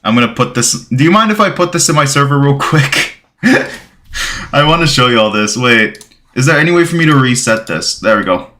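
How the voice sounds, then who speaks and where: A man's voice: medium pitch, lively intonation, normal speed, bright, forceful tone. A young man born in Bulgaria, English his second language, chatting casually on a gaming livestream, rambling and reading out chat comments. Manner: rambling, reads chat aloud, thanks followers.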